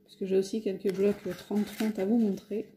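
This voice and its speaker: A woman's voice: medium pitch, little pitch movement, a little fast, mellow, slight background noise. A French woman casually showing her craft shopping haul, talking with many hesitations and fillers. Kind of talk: casual haul video talk. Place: home, near a window.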